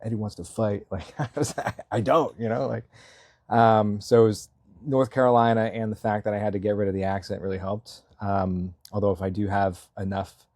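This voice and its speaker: A Massachusetts man in his thirties, a selectboard candidate appearing as an interview guest, talks casually and rambles with many fillers, frequent chuckles and self-deprecation. His lowish, darkish voice is steady at a moderate pace, captured with studio quality and no echo.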